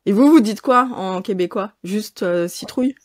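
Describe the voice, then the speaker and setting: A woman's voice: mid-range voice, normal speed. A woman hosting a podcast, playfully quizzing her guests and laughing between questions. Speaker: podcast host. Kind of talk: casual podcast chat.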